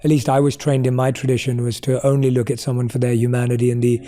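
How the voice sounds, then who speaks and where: A man's voice: medium pitch, flat delivery, fast, mellow. A man hosting a podcast interview, speaking earnestly and affirming his guest. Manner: earnest, affirming, rounds off with thanks. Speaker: podcast host. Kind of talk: casual interview conversation.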